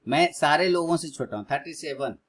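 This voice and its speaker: A man's voice: fairly high pitch, a little fast. Chatty Hindi-speaking man in his thirties. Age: 30s. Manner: excitedly cheers prices on, then chats calmly with viewers. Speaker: live trading stream host. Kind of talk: casual live-stream commentary to viewers.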